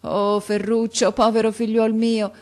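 A woman's voice: a little high, level tone, measured pace, darkish tone, pitched above the performer's own voice, close to an everyday voice. A woman voicing a frightened old grandmother, trembling and pleading as she reads a story aloud. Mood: tender.

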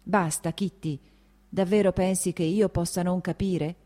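A woman voicing a caring older married sister who speaks in an earnest, soothing and measured way. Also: lowish voice, fairly even intonation, warm tone, close to an everyday voice.

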